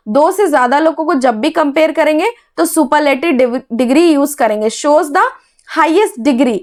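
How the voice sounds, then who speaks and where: A woman teaching English grammar in a casual classroom manner, often checking in with her students and reading examples slowly. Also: high voice. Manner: checks in with "ठीक है?" after nearly every point. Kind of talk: explaining a lesson in Hindi-English mix.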